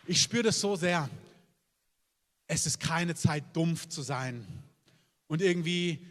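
A man's voice: on the high side, slow pace, a bit bright. Fervent male preacher in a reverberant hall. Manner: fervent, emphatic preaching with repeated amens. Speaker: pastor. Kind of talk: sermon.

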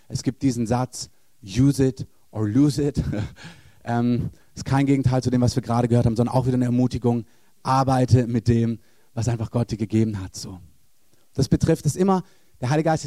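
A man's voice: mid-range voice, mellow, no room sound. A man preaching a charismatic sermon in a church, speaking encouragingly and directly to the congregation.

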